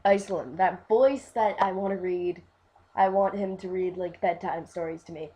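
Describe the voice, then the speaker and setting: A woman in casual fan chat, rambling and gushing, full of fillers, swinging from quiet asides to loud bursts. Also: lowish voice, normal speed. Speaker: fan vlogger.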